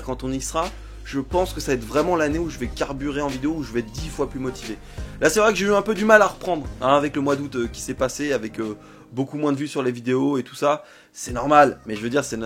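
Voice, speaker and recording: A young man chats casually as host, answering viewer comments in a loose, rambling way. He trails off, restarts his sentences and leans on fillers, and his voice sits in a middle pitch. Soft music plays faintly behind him. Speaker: manga video host.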